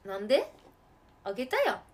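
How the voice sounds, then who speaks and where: Chatty woman streaming a game, slightly high voice. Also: huge pitch swings, fairly quick. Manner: chatty, laughing often, with sudden loud outbursts. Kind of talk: casual live-stream chat while gaming.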